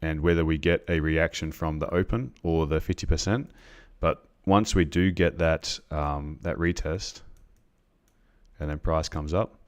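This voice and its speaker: A man on a live trading stream, explaining chart setups to viewers in a halting way, with many restarts and ums. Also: rumbling low.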